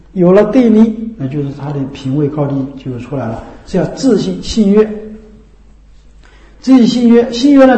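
A man's voice: dark tone, reverberant, low-quality recording. A man giving a Buddhist dharma talk, often asking "right?", his voice rising and dropping. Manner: rhetorical, keeps asking "right?"; swings between raised and dropped pitch and volume. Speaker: Buddhist teacher.

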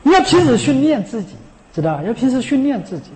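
A man giving a Buddhist sermon, emphatic and animated, chuckling often and constantly asking his listeners whether they understand. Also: very high-pitched, fast talker. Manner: emphatic and rhetorical, often asks the listeners "you know?". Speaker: Buddhist teacher. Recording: long hall reverb.

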